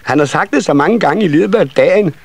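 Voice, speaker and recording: A man reading a children's story and voicing a bunch of excited little elf children in a shrill, eager voice. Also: breathy edge. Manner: shrill, eager, tumbling over each other.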